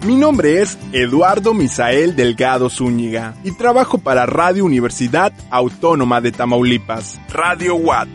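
Lively man, university radio. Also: medium pitch, normal speed, few pauses, faint music behind.

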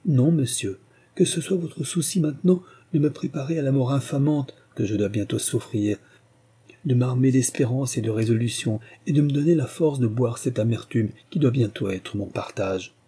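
A resolute young soldier son from a classic novel, read by a man, facing his fate with firm, steady words. The voice is very dark and husky, with a rough edge. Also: mid-range voice, moderate pace.

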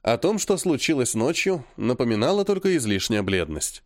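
A man's voice: medium pitch, sing-song, normal speed, no echo. A man reading a first-person audiobook in a dry, matter-of-fact manner. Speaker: audiobook narrator.

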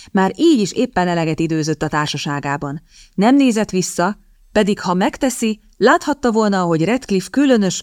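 A woman narrating an audiobook in a measured, expressive reading style. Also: on the low side, no echo, studio quality. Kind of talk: scripted narration.

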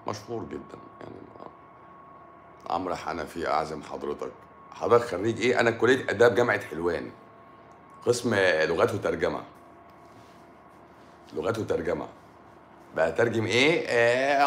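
A doctor with an Egyptian accent hosting a casual live stream from home, teasing viewers by name and laughing often. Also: male voice, fairly low pitch, reverberant, a little hiss or hum.

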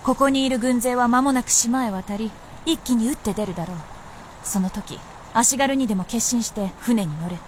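In a Japanese period radio drama, a woman plays a proud, aloof immortal princess whose speech is archaic, composed and lordly. Her voice is a little high and close to everyday, at normal speed, and she sounds composed and instructive over slight background noise.

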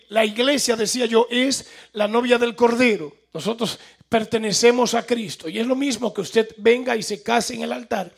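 Male pastor, jovial preacher, high and husky voice. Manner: jovial, laughs at his own slips. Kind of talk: sermon.

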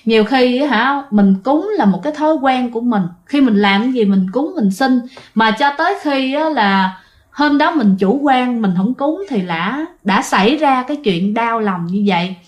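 A woman with a fairly high voice and lively intonation tells a ghost story at a moderate pace. She keeps it casual and chatty, speaking straight to her listeners and using plenty of fillers.

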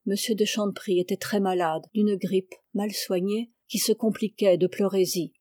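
A woman narrating a classic novel as an audiobook reader, in a calm, even, literary reading close to the mic. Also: medium pitch, moderate pace, no echo.

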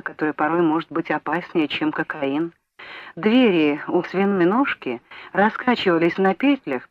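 A woman narrating an audiobook in a measured, even reading voice. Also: on the low side, no echo. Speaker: audiobook reader. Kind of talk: scripted narration. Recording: dull lo-fi audiobook recording, dry.

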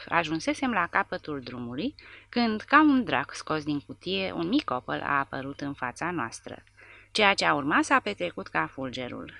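Low, gravelly woman reading a novel. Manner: steady storytelling. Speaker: audiobook narrator. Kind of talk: scripted audiobook narration.

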